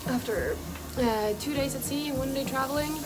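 A woman's voice: high-pitched, moderate pace. Young woman, chatty travel vlog, phone held at arm's length, wind and music behind. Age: young adult. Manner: chatty and upbeat, with frequent fillers. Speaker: vlogger. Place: sailing boat, cabin and open deck. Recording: music playing underneath.

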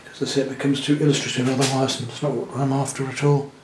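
A man demonstrates a watercolour painting in his studio, speaking in a relaxed, chatty way as he works. His voice is mid-pitched and carries a noticeable room echo. A faint background hum sits beneath him. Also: quick pace. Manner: gentle, chatty, thinking aloud while painting. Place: indoor studio at the easel.

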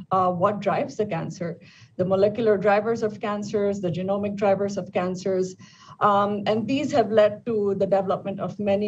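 A woman in her thirties, an oncologist, explaining things in a measured way with frequent ums during a live news interview over video call. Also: medium pitch, a little mellow. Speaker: lung cancer oncologist. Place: bright indoor room. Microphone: video call from home or office. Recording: distant, dull video-call audio with faint room noise.

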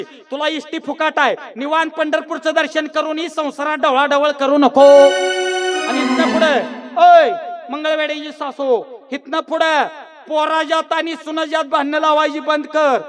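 A man performing a comic folk sermon on stage, shouting and teasing the audience into calling back. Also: extremely high pitch. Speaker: bharud performer.

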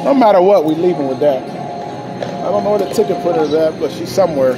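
A man's voice: fairly high pitch, a little fast, poor audio. A man with an American accent giving casual, slangy, cocky running commentary to viewers as he gambles. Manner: slangy, cocky self-talk. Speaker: vlogger gambling at a casino. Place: indoor casino at a gaming machine. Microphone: handheld phone. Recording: loud casino music behind handheld recording.

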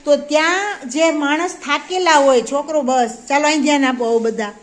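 A woman's voice: high-pitched, steady tone, moderate pace. A woman teaching a preschool class, asking the children questions and praising their answers. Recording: faint background noise.

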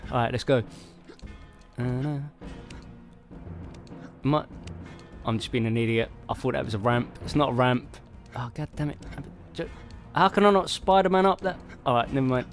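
A man's voice: mid-range voice, normal speed, long pauses. A man giving casual, chatty commentary as he plays a game, laughing and muttering to himself. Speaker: gamer playing solo. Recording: game music playing faintly behind. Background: faint game music.

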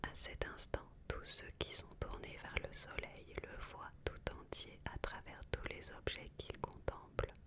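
Someone reading a book aloud for ASMR in a soft, hushed library whisper, measured and with pauses.

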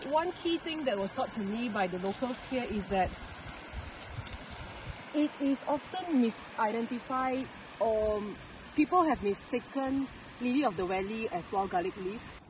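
A woman's voice: a little high, animated, unhurried, background noise. A young woman, chatting and explaining in a casual vlog, recorded outdoors in woodland by a stream on a handheld camera. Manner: chatty, explaining as she walks. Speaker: vlogger. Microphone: camera held at arm's length.

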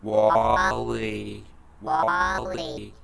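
A man's voice sample run through a metallic granular synth filter to sound like a small robot repeating its name, with a gravelly tone and warbling pitch. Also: drawn-out words, a bit bright, exaggerated voice. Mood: chirpy.

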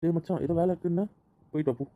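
A man's voice: a little high, fairly even intonation, racing, phone-quality sound, close to an everyday voice. A man playing a bossy, teasing young husband in an amateur audio drama, speaking in a commanding, playful way.

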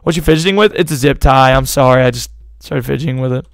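A man's voice: mid-range voice, fast, dry recording. A young man streaming live, rambling casually to his chat in slangy talk, his voice a little worn out.

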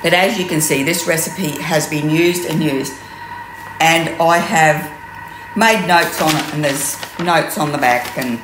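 A woman's voice: low-pitched, measured pace. A woman in her sixties with an Australian accent, giving a chatty, rambling cooking tutorial in her home kitchen, with plenty of ums. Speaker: cooking demonstrator. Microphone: camera mic from mid distance. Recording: roomy kitchen with steady noise.

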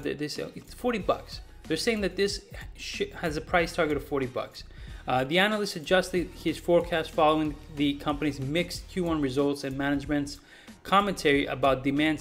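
A man in his forties talking casually through a stock analysis, emphatic and repeating words for stress, recorded at his desk. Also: a little high. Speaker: stock market YouTuber. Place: small room indoors.

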